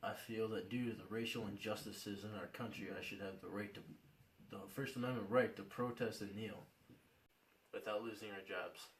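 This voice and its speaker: A man's voice: on the low side, steady tone, normal speed, lightly acted. A man playing a football player who argues for his right to protest in an amateur skit, speaking plainly and earnestly. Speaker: player in a mock hearing. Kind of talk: amateur school skit acting. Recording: echoey room from far off, faint noise.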